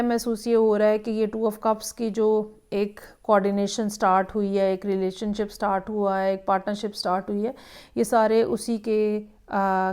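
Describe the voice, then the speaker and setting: A woman's voice: medium pitch, a little mellow, smooth. A woman giving a weekly tarot horoscope reading, musing aloud and slipping English phrases into her talk. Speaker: tarot reader.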